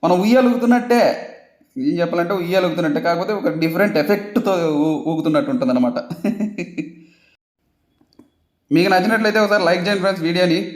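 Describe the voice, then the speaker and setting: A man vlogger chatting casually in a voice-over, laughing often and repeating himself. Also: on the high side. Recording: roomy echo.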